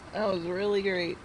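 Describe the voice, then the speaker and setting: Young woman streamer, giggly and unhurried, light hiss in the background. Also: mid-range voice. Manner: giggly, laughing a lot between words. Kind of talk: casual live-stream gameplay chat.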